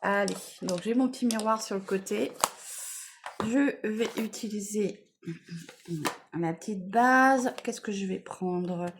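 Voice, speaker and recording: Mid-range and slow, with background noise, this is a middle-aged beauty vlogger talking through her makeup one morning at home. She sounds worn out and rambles on, repeatedly trailing off and getting back on track, filling gaps with "voilà" and "bon, bref".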